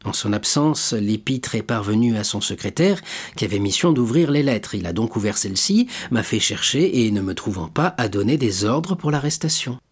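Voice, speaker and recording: A man voicing an ambitious young prosecutor, speaking in a smooth, self-assured, slightly ironic way. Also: on the low side, animated, normal speed. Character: ambitious young male royal prosecutor, suave.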